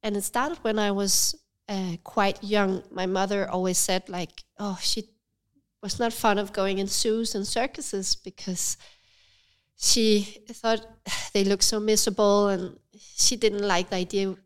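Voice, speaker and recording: Mid-range and smooth with fairly even intonation, this Danish-accented woman sounds slightly stuffy from a cold. As the cafe and yoga studio owner being interviewed in a relaxed conversation, she talks thoughtfully, often pausing with fillers.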